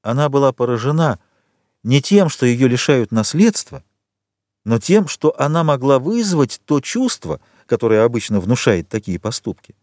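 Expressive male audiobook narrator. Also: mid-range voice, normal speed, no echo, clean studio sound. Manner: expressive, theatrical reading. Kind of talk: scripted narration.

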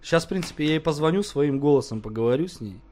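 Swearing streamer guy, slightly high voice, crude and laughing a lot. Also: lively intonation, fast talker, a little mellow. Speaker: streamer prank-calling debt collectors.

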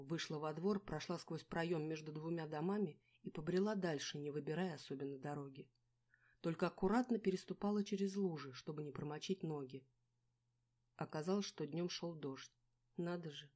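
Low, mellow-voiced woman narrator. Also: moderate pace. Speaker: audiobook narrator. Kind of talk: first-person scripted narration.

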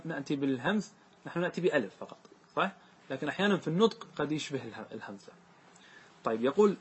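Husky-voiced man teaching a class. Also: a little high. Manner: questioning students, repeating answers. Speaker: teacher explaining grammar verses. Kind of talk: classroom lesson.

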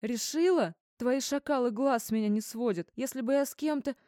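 A woman's voice: a little high, normal speed, dark tone, no echo, clean studio sound, voice pushed up, natural voice. A woman voicing a frightened young woman who pleads in a trembling voice in an audiobook. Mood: upset.

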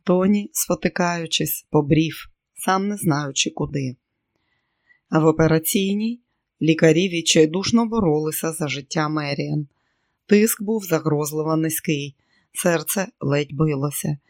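An audiobook narrator reading a novel in a dramatic, expressive way. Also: mid-range voice, measured pace, no room sound, clean studio sound.

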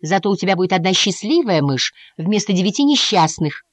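A woman's voice: medium pitch, very animated, brisk, dry recording, voice pushed up. A woman voicing a weary, irritable mother mouse in a storybook reading, tart and exasperated.

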